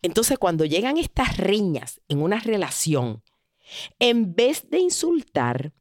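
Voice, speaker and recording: A woman tells an everyday story to make a point about relationships. She talks animatedly and slips into the voices of the people she quotes. Her voice sits at a middle pitch and sounds dry and close. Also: big pitch swings, slow, a little mellow, dry recording. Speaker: relationship advice speaker. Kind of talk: storytelling advice talk.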